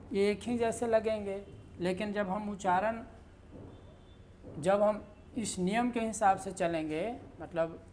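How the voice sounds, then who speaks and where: A woman teaching a grammar lesson in a slow, explanatory way, with many fillers and repeated example sentences. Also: medium pitch, a little hiss or hum. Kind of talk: lecture.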